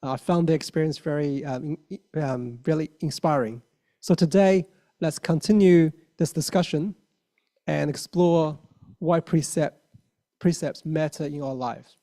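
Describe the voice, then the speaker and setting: Measured and dark-toned, slightly high in pitch, this Chinese man in his thirties is a lay Buddhist giving a sincere dharma talk. Mandarin is his first language and shapes his accent, and he often restarts and uses fillers.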